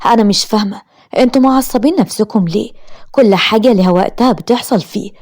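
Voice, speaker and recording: A woman with an Egyptian accent voicing a sharp-tongued, spiteful sister-in-law in a narrated story, taunting and scornful. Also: medium pitch, fast talker, natural voice. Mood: mocking. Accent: Egyptian Arabic.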